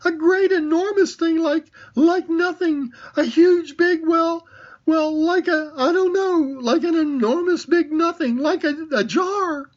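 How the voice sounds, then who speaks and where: An older man voicing a tiny, timid young male piglet who squeaks and stammers breathlessly. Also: measured pace. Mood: flustered. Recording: dull lo-fi recording.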